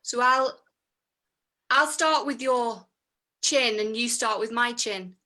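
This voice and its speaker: A female improv performer hosts a scene on a video call, giggling, chatting, and using lots of fillers. She speaks slowly, with a fairly high pitch and a sharp tone.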